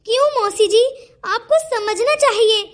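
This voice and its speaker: A woman's voice: very high-pitched, unhurried. Woman doing an apologetic young cousin. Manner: apologetic, coaxing. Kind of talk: cartoon voice acting.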